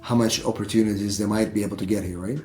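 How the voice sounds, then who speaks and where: Male podcast host, mid pitch, rambling, echoey home studio. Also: fairly even intonation, quick pace, a little mellow, soft background music. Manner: rambling, many fillers and restarts. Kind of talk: casual interview.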